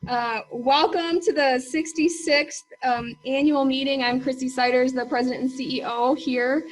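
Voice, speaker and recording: A woman's voice: high voice, fairly even intonation, normal speed, slight background noise, rough recording. A woman presenting informally at a meeting as its chief executive, hesitating often with ums. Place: meeting room.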